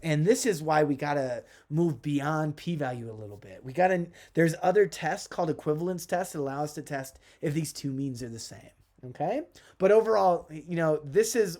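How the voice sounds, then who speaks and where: A man in his thirties giving a casual psychology lecture, chatty and animated, with self-deprecating asides. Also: on the high side.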